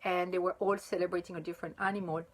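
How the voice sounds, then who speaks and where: A native French speaker from France, this woman has a lowish voice, a French accent and a quick pace. She casually reviews chocolate on video, thinking out loud with lots of fillers and bursting into excited exclamations.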